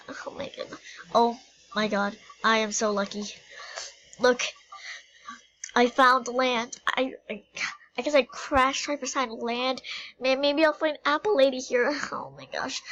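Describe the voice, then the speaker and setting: A woman's voice: fairly high pitch, a bit bright, poor audio. A woman voicing a clueless coyote pilot in an amateur animal skit, rambling and stammering through filler words. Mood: panicked.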